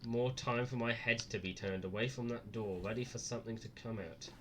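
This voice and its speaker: A man's voice: medium pitch, fairly even intonation, fairly quick, slight background noise. A scared, nervous man giving live horror game commentary with dry sarcasm and frequent swearing.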